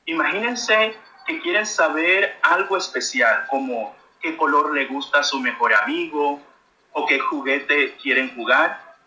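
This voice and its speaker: A man's voice: a little high, unhurried, pushed and bright, roomy sound, low-quality recording. A man giving a friendly grammar lesson to children and asking them questions. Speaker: teacher.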